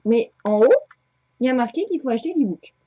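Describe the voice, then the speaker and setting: A woman's voice: on the high side, sing-song, fairly quick, mellow, husky. A woman in her thirties chatting casually to viewers about her knitting and sewing projects, rambling with many hesitations. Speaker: knitting podcaster. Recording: dull lo-fi home recording.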